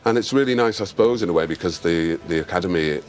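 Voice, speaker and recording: Deep-voiced actor in archive interview. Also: male voice. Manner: modest, halting, self-effacing.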